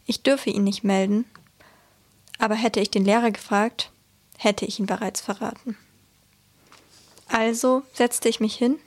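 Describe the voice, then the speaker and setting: A woman reading a first-person memoir aloud in a measured, earnest way. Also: on the high side. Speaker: reader.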